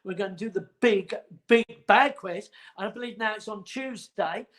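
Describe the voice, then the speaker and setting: Chatty high-voiced man hosting from home. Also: a little fast. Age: 40s. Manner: rambling, teasing, chatty. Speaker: host. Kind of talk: casual livestream chat.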